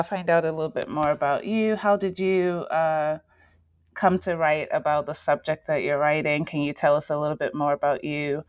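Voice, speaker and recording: A woman's voice: sits low, clear, resonant tone, no room sound. A woman hosts an academic podcast, interviewing conversationally with somewhat hesitant phrasing. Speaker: podcast host.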